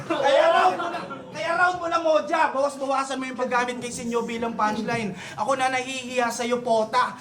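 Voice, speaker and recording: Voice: high voice, fairly even intonation, moderate pace, over a noisy crowd. A battle rapper delivering a mocking, taunting verse straight at an opponent, landing one punchline after another. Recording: roomy live-venue recording with faint noise.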